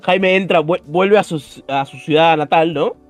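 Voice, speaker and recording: A young man with a Rioplatense accent, chatting casually as podcast host, animated and slangy, swearing freely. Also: a little high, moderate pace, faint music behind. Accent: Rioplatense Spanish. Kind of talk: casual chat.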